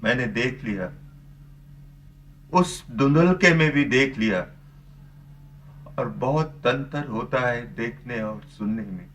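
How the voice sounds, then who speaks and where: A man's voice: mid-range voice, lively intonation, fairly bright tone, a little hiss or hum. A man playing an anguished stage father. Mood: bitter. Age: middle-aged. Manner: slow, emotional, rising to anger. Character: anguished middle-aged father confronting drunken son. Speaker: father, Nandan. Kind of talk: stage play acting. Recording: stage recording from a distance with music.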